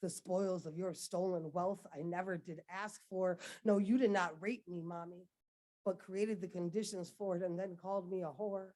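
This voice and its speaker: A woman performing a spoken-word poem at a ceremony, with an intense, measured delivery. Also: on the low side, steady tone, warm tone. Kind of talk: spoken-word poetry recital. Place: dedication ceremony, indoors.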